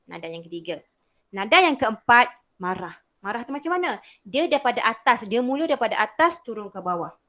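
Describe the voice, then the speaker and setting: A woman's voice: a little high, very animated, fairly quick, pushed and bright. A young woman with a Malaysian Malay accent teaching a beginners' Mandarin class, explaining patiently and repeating sounds to demonstrate. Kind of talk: online language lesson.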